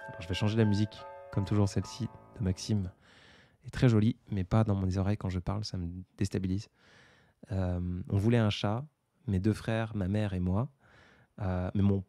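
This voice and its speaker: Low mellow young man hosting a live chat. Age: 20s. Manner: hesitant, many fillers, reflective. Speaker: livestream host. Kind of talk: casual live chat reading viewer comments.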